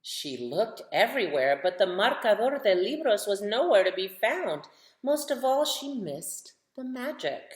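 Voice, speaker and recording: At storytime, a woman reads a picture book to children in an unhurried, sing-song, mid-range voice. She reads expressively and poses questions to the kids. The sound is roomy with noticeable echo.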